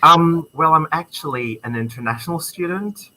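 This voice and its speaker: A young adult student from the Czech Republic, with a Czech accent, appears as a guest in a casual interview in a university computer lab, friendly and enthusiastic with plenty of ums. His fairly high voice is bright and forceful at normal speed. The audio is poor.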